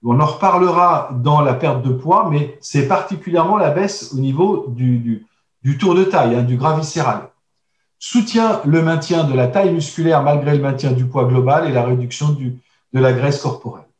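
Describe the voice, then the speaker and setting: A man's voice: a little high, moderate pace. A man teaching a recorded course on herbal medicine, explaining slides with frequent hesitations, restarts and asides to his listeners. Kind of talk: recorded online lesson with slides. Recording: echoey room, voice a bit distant.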